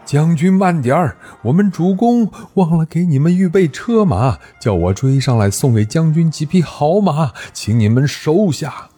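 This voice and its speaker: Man doing a loud, coaxing pursuing officer. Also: on the high side, very animated, normal speed, few pauses, slightly rough, soft background music, voice pushed up. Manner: calling out loudly, wheedling. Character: eager male pursuing officer, falsely friendly.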